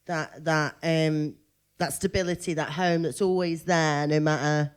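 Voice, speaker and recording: A woman's voice: deep voice, unhurried, clear, resonant tone. A woman comedian chatting casually on a podcast, rambling and poking fun at herself. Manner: animated, rambling, self-mocking. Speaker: comedian guest.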